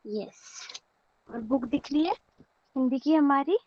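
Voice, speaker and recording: A woman teacher giving an online class, drilling syllables one by one in a slow, drawn-out way. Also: sits high, dull audio.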